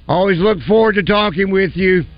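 A man's voice: high voice, brisk, soft background music. A man hosting a sports radio show, chatting in a casual, folksy interview style. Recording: dull lo-fi radio broadcast.

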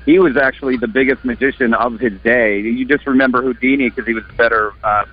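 A man from Wisconsin answers radio interview questions about his craft. He sounds earnest and eager, at a middle pitch, and often backs up to restart his sentences. The broadcast sound is a little muffled. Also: fairly even intonation, fast talker. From Wisconsin, United States. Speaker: magician guest.

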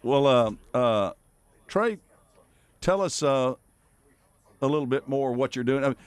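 Man, radio co-host, mid-pitched voice, folksy and joking, casual outdoor talk. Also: animated, measured pace, smooth, dry recording.

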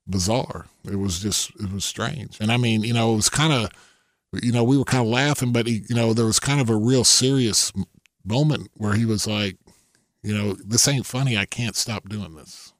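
A man's voice: fairly low pitch, normal speed, dry recording, clean studio sound. A middle-aged man telling golf stories in casual chat, rambling with many restarts, laughing often and acting out what others said.

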